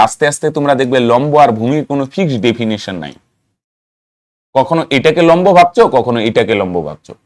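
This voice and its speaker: A man with a medium-pitched, darkish voice teaches a math lesson in a classroom, frequently quizzing his students and chanting rhyming mnemonics in a rhythmic way. The recording is dry, with clean studio sound.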